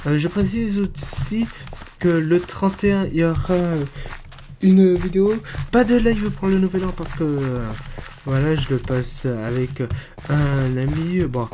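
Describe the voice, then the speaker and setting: A man's voice: fairly high pitch, a little slow, warm tone, a little hiss or hum. A young man casually reviewing a microphone, joking and rambling in a chatty way. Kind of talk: casual product review vlog.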